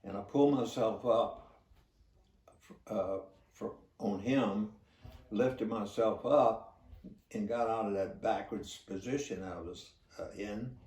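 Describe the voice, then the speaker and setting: Older ex-cop rambling through a story, lowish voice, sounds far from the mic in a roomy space. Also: male voice, a little mellow. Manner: halting, unhurried, plainspoken. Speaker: former police officer telling stories. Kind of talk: casual spoken storytelling. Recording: roomy echo, distant from the mic.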